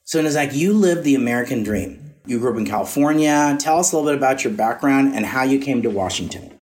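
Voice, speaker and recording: A man's voice: medium pitch, animated, fast. A man hosting an interview podcast, giving admiring introductions to his guest. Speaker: podcast host.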